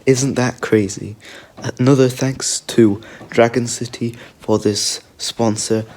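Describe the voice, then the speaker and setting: A man's voice: mid-range voice, steady tone, slow, darkish tone. A man hosting a casual storytime video, playful and rambling, often restarting his sentences. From Egypt. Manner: rambling, playful, self-correcting. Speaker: YouTube gaming host.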